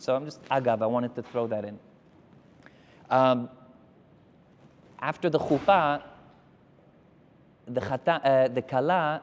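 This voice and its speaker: A man, a rabbi, giving a Torah lecture to his congregation and telling stories with animated energy. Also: medium pitch, in a large hall. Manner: animated storytelling, addressing the crowd directly.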